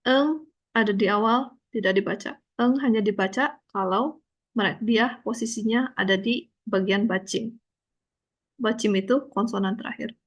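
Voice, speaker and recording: A woman teaching a language lesson, explaining slowly and patiently and checking often that her student understands. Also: mid-range voice, highs cut off. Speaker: Korean teacher.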